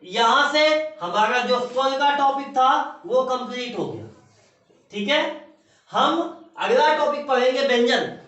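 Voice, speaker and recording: A man's voice: very high voice, animated, unhurried, a bit bright. A male teacher giving a classroom lecture, who repeats key terms and asks the class questions he then answers himself. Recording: echoey distant room, muffled.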